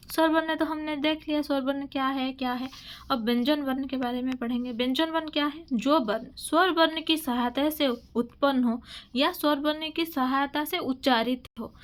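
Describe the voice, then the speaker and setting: High-voiced woman teaching grammar. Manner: asks questions and answers them herself; repeats and corrects herself mid-sentence. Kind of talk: exam-prep grammar lesson.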